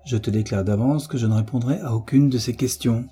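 A man's voice: mid-range voice, a little fast, warm tone, slightly rough. A man reading an audiobook, voicing an impatient, sullen teenage boy who answers curtly and irritably. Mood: exasperated. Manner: curt and irritable. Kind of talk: audiobook character voice.

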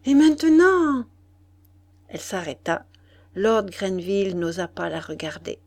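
In this audiobook of a classic novel, a woman whose voice sits on the low side gives a measured, expressive reading.

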